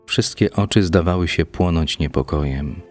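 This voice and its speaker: A man reading a literary novel aloud as an audiobook narrator, in a measured, steady first-person narration. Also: rumbling low, faint music behind.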